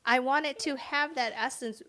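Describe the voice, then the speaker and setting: A woman co-hosting a podcast in casual chat, giving long-winded explanations with wry, deadpan asides. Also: high-pitched, normal speed. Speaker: podcast co-host.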